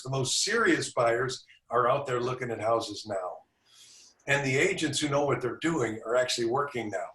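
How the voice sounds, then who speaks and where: A man's voice: mid-range voice, fairly bright tone. A man, a sales coach guest, giving confident, instructive advice on a video call from a room. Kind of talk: podcast interview. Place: indoor room with a back wall. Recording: roomy sound, distant from mic.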